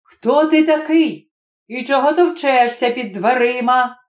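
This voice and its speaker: Angry young blacksmith voiced by a woman, shouting, harsh, loud. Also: high-pitched, unhurried, reverberant. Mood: furious. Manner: shouting angrily.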